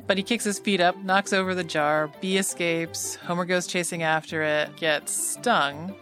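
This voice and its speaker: A woman's voice: on the low side, fairly bright tone. A woman, a patent attorney, chatting as a guest and retelling a cartoon episode with an amused, laughing manner. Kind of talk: casual interview chat.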